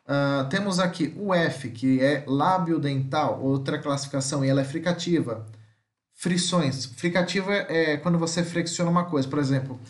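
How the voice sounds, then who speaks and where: Man from Brazil, teacher, repeats sounds, slightly high voice, echoey room. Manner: explains patiently, voices speech sounds repeatedly, many tag questions. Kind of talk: home-schooling phonetics lesson.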